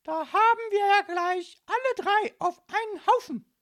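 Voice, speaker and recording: A woman voicing a tall young policewoman, shouting in a shrill, domineering way in a storybook reading. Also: measured pace. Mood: shrill bossy. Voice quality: shrill, barking.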